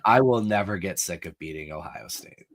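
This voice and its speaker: A man's voice: low voice, animated, normal speed, no echo. A man hosting a casual sports podcast, chatty and self-deprecating, who also breaks into subscription plugs. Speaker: podcast host.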